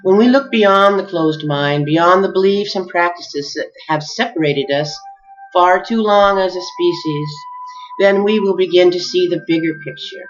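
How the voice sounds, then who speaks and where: A woman giving an earnest, heartfelt spiritual message, measured and addressing her listeners warmly as beloveds. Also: on the low side. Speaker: spiritual speaker. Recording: dull lo-fi recording with faint music.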